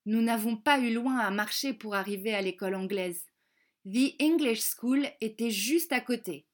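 A woman reading a children's storybook aloud, slow and careful, repeating words for young learners. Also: a little high. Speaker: audiobook reader.

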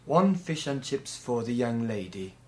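Man putting on a polite, higher-pitched waiter. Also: very animated, slow. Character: polite male restaurant waiter.

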